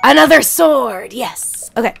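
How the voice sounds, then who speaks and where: Chatty woman streamer, excitable. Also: high voice, a little slow, creaky, slightly rough, soft background music. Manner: chatty, excitable, thinks out loud. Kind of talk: live gameplay commentary.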